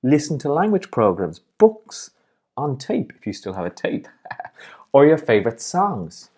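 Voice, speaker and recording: Male motivational coach, cheerful and encouraging, very animated intonation. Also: mid-range voice, a little slow, slightly rough. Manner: upbeat, encouraging, smiling as he speaks. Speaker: life and business coach, host. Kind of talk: motivational video talk.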